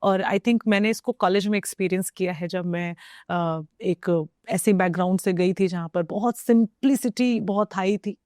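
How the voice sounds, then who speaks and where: A young woman from northern India talks through her own experiences in a reflective, easygoing way. She switches between Hindi and English in the middle of her sentences. Her voice sits at a medium pitch and sounds dry and close to the mic. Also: moderate pace, darkish tone, no echo. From Uttar Pradesh, India. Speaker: guest. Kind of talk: casual conversation.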